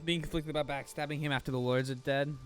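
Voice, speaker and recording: A man's voice: fairly high pitch, steady tone, quick pace. A man giving casual playthrough commentary as a gaming streamer, with game music behind him. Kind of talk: casual playthrough commentary, reading dialogue aloud.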